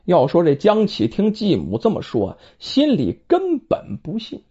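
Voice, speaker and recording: A colloquial storyteller spinning a folk tale, with asides and drawn-out exclamations. The voice is husky and swoops widely in pitch. The recording is dull and lo-fi. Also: huge pitch swings, warm tone.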